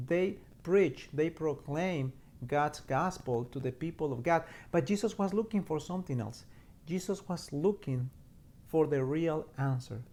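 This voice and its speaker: A man's voice: on the high side, a little mellow. A priest from Mexico, speaking a short homily in an earnest way, often repeating words as he searches for them.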